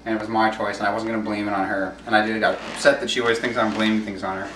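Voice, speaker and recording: A man's voice: fairly low pitch, little pitch movement, racing. A young man telling a rambling story at a family gathering, full of fillers and restarts. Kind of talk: casual chat at a family gathering. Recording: echoey room from a distance with noise.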